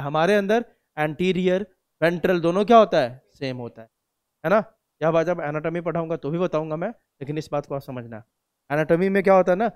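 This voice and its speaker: A man's voice: high-pitched, darkish tone, clean tone, no echo, studio quality. A male biology teacher, lecturing a class in a conversational way, asking questions and answering them himself and often checking that students follow. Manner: asks and answers own questions; frequent checks like "samjhe".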